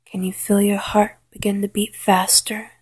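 A woman whispering a slow, coaxing guided hypnosis roleplay in a soft, intimate voice. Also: mid-range voice, level tone, slightly rough. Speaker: hypnosis narrator.

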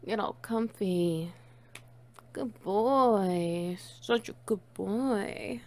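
Speaking extremely slowly in a mid-range, slightly mellow voice, a woman acts as a teasing, bossy friend in a close one-sided audio role-play. Affectionate and cooing, she coaxes the listener and showers them with praise.

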